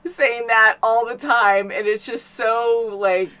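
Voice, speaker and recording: A woman's voice: fairly high pitch, fairly even intonation, slow pace, sharp tone, slight background noise. A woman hosting a movie reaction, chatting casually and rambling with many fillers. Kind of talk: casual chat.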